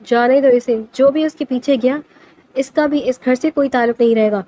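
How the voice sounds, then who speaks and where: A woman's voice: high-pitched, dark tone, close to an everyday voice. A woman voicing an angry, domineering grandfather who heads the clan, speaking in a firm, final way in a storybook reading. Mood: stern commanding. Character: stern old male clan patriarch, commanding.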